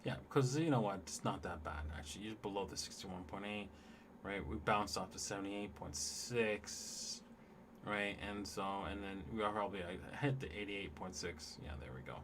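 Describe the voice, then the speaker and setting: Low-voiced man rambling through a livestream. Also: moderate pace, background noise. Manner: loose, rambling, talks straight to viewers. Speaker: livestream host. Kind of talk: casual livestream chart commentary.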